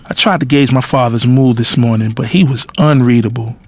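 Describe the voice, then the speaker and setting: Playing a cocky, lovestruck adult son, a man narrates his own story in first person, intimate and candid, mixing narration with dialogue as the drama's lead. His mid-range voice sounds natural and moves a little fast.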